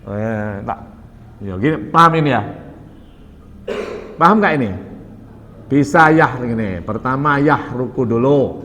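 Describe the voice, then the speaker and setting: Animated man lecturing in a hall. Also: medium pitch, measured pace, pauses often, a little hiss or hum. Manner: animated, questioning students, mixing in Javanese. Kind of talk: classroom lecture. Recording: long echo of a lecture hall.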